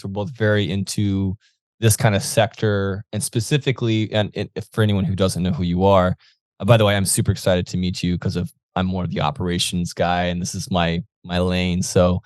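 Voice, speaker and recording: A man's voice: deep voice, little pitch movement, fairly quick, a little mellow, no room sound, clean studio sound. A man hosting a podcast interview, talking in a casual, friendly way. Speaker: podcast host.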